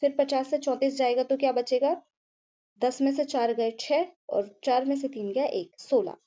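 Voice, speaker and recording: A woman with a high but mellow voice teaches maths one careful step at a time. She keeps checking in with the class and answers her own questions as she works. The recording sounds a little dull and lo-fi. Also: fairly even intonation, normal speed. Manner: patient, repeats "ठीक है" and asks herself questions.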